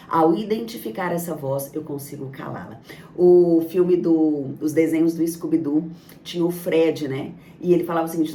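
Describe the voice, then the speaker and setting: A woman coaches her listeners in a self-help talk, hammering points home with lists and rhetorical questions. Her voice sits low and mellow. She is recorded a little away from the mic in a roomy, echoing space with faint ambience behind. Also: recorded from a distance, slight background noise. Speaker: motivational coach.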